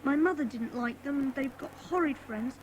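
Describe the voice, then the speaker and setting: In a children's audio drama, a woman uses a high, childlike voice to play a scared young boy who has run away. He sounds plaintive, confiding and guarded, with a streak of defiance, speaking at a moderate pace close to an everyday voice. The recording is rough, with faint noise in the background.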